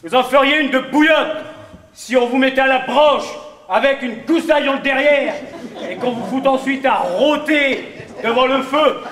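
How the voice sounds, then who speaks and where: A man's voice: extremely high pitch, normal speed, fairly bright tone. A man playing a furious ranting husband. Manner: ranting, exasperated, theatrical. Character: furious bickering middle-aged husband. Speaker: amateur stage actor. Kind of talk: amateur stage comedy. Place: small theatre stage. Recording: echoey hall, far from the mic, faint hiss.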